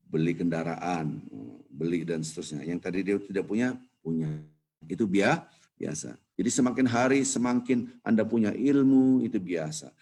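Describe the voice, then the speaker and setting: A man giving a casual dawn lecture at a mosque, chatty and playful, with sudden loud bursts of emphasis. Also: low-pitched, moderate pace. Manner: lively, conversational, jokes and sudden loud emphasis. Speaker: preacher.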